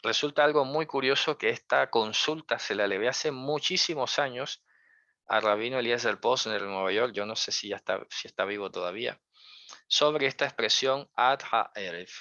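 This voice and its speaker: This religious teacher explains his lesson in a chatty way, posing rhetorical questions, checking in often, and cautiously qualifying his readings. His medium-pitched voice is bright and forceful at a normal speed. The recording is dull, dry, lo-fi, and echo-free.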